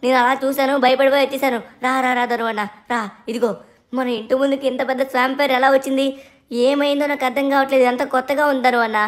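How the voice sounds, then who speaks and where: A woman's voice: high voice, flat delivery, fast talker, close to an everyday voice. A woman voicing a mischievous little cartoon boy who whines and pleads to skip school. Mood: alarmed excited. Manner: cheeky, whiny pleading.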